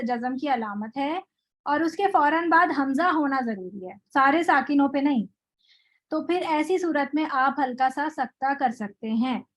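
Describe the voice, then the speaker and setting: A woman with a high voice leads an online recitation lesson in an explanatory way, regularly asking whether her students understand and pronouncing example words in a slow, drawn-out way. The recording is rough.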